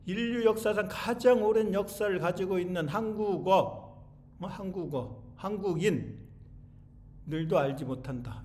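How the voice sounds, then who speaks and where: A man's voice: high voice, a little mellow, slight background noise. A man giving an informal spoken lecture, asking questions and answering them himself, with frequent "eh?" tags to the listeners. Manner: keeps tossing in rhetorical tags like "eh?" to the audience.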